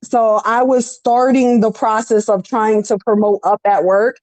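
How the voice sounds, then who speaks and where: A woman's voice: on the high side, steady tone, unhurried, darkish tone, no room sound, poor audio. A woman in her thirties telling a personal story on a podcast, rambling with lots of fillers. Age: 30s. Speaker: podcast co-host. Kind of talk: casual chat, personal storytelling.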